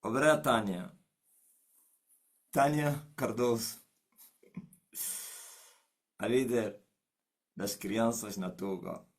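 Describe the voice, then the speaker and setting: A man's voice: mid-range voice, drawn-out words, pauses often. A man, an apostle leading an online church service over a video call, chatting and teasing with his congregation and laughing often. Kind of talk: casual chat with congregation before a sermon.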